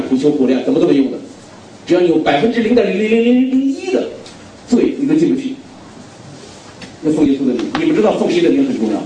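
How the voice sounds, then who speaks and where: A man's voice: a little high, mellow, slight background noise. A middle-aged man from China preaching a sermon to an audience, emphatic and repetitive, often putting questions to his listeners. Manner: emphatic, repeats key phrases, asks the audience questions. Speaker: guest preacher. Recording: very echoey hall, distant mic.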